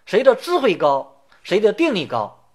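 Teaching a sutra as a Buddhist teacher, this man chants the verse slowly and breaks down terms point by point. His voice is high-pitched with huge swings in pitch.

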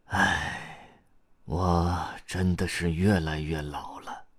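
A man voicing a tired, tearful old grandfather storyteller who talks slowly and sighs. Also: lowish voice, lively intonation, no echo, clean studio sound, pitched above the performer's own voice. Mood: weary. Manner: slow, sighing, exhausted.

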